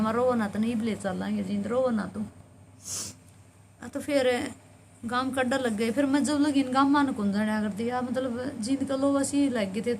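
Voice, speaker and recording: A woman's voice: fairly high pitch, a little hiss or hum. A woman with a Haryanvi accent telling a personal story in an earnest, rambling way, often repeating her phrases. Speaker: vlogger.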